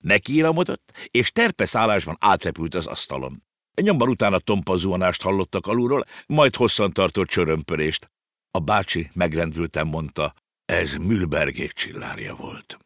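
A man narrating a children's novel as an audiobook, with lively, expressive storytelling. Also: low voice, no echo, studio quality.

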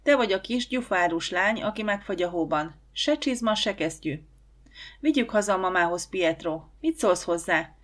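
A woman's voice: medium pitch, lively intonation, lightly acted. A woman reading the part of a self-assured, joking young male lawyer in an audiobook. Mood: teasing.

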